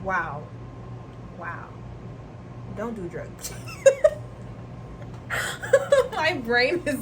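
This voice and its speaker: A young woman from Nigeria rambles through a casual vlog chat, full of slang and quick laughs. Her voice sits a little high. A clear background noise runs under the home recording. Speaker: vlogger.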